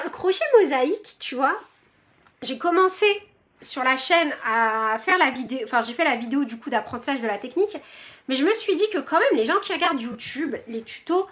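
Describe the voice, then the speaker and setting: A self-described chatterbox, the young host of a crochet channel chats bubbly and rambling to her viewers, with plenty of fillers. She speaks in a high-pitched, fairly bright voice.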